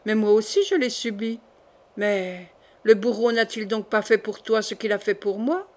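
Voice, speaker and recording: A woman's voice: medium pitch, fairly even intonation, moderate pace, natural voice. A woman reading the lines of a bold young male nobleman in an audiobook, with light emphasis. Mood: urging.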